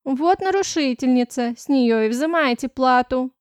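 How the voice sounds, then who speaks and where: A woman's voice: high voice, expressive, normal speed, no echo, clean studio sound, pitched above the performer's own voice. Haughty condescending stepmother, as a woman narrator puts her on. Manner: condescending, lecturing.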